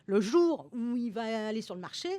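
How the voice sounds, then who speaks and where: A woman's voice: on the high side, sing-song, normal speed, dark tone. A woman consultant explaining a topic over slides in a webinar, hesitant and full of fillers, with restarts and tags at the ends of her sentences.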